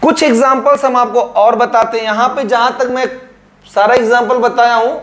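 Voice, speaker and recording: A man's voice: extremely high pitch, fairly even intonation, moderate pace, fairly bright tone. A male teacher explaining grammar at a board, repeating words and drawing them out.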